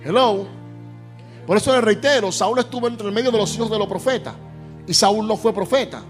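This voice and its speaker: Caribbean Spanish-accented male preacher, strikingly high pitch. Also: fairly quick, faint music behind. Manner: emphatic, declamatory with repeated phrases. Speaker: pastor preaching. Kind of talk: Pentecostal prophetic sermon.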